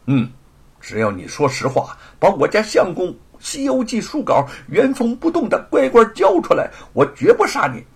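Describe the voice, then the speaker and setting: A man voicing a cold, commanding young swordswoman in a storytelling performance, with a husky voice. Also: high-pitched, huge pitch swings, moderate pace, voice pushed up, heavily acted. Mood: stern. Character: stern sword-wielding heroine, young woman.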